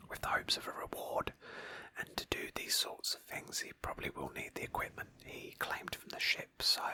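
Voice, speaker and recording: As host of a roleplay game playthrough, a woman narrates in a breathy ASMR whisper that is hushed and thoughtful. The recording sounds rough.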